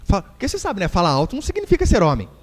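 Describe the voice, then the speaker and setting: A man with a Brazilian Portuguese accent preaches from the pulpit of a church hall, his voice high and swinging up and down constantly. He jokes with the congregation and plays out quick scenes while making his point. The sound carries a long echo from the room. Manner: animated preaching with jokes and acted-out quotes. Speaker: pastor. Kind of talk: sermon.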